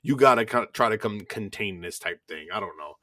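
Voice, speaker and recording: A young man with a New York accent, co-hosting a casual podcast chat. He talks in an animated way, swears freely and laughs often. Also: fairly low pitch, brisk, dry recording. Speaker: podcast co-host.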